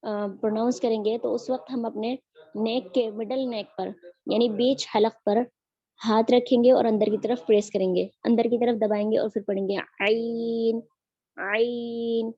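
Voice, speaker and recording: A woman teaching Quran recitation in an online lesson, drilling each sound slowly and patiently. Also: on the high side, little pitch movement, dry recording, lo-fi sound.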